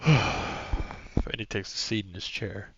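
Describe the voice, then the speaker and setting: A man's voice: on the low side, slow, fairly bright tone, muffled recording, a little hiss or hum. A man narrating a tabletop game as game master, in a casual, rambling way.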